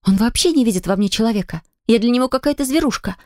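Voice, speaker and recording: A woman's voice: on the high side, lively intonation, quick pace, a little mellow, no echo, clean studio sound, voice pushed up, lightly acted. A woman voicing a frightened, pleading young woman. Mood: distressed. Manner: breathless, pleading, upset. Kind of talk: audiobook character voicing.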